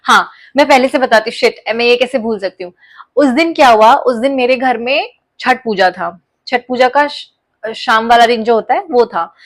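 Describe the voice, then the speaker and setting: A young woman vlogger telling a personal story in a casual, animated way, often mixing English phrases into her talk. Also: fairly high pitch, moderate pace. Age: young adult.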